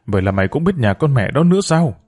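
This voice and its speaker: A man's voice: medium pitch, sing-song, fast, slightly rough, soft background music. A man voicing an angry middle-aged mother who scolds her children about her husband's affair. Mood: scolding. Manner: sharp, scolding.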